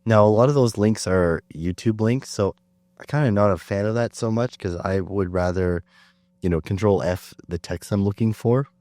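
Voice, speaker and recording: A man's voice: lowish voice, normal speed, mellow, no room sound. A man hosting a podcast, chatting casually with many fillers and restarts. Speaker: podcast host. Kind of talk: casual conversation.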